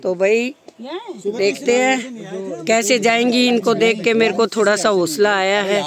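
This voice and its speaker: A woman travel vlogger chatting excitedly and teasing others outdoors at a hill adventure spot. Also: a little high, measured pace. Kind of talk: casual vlog chat. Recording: crowd chatter behind.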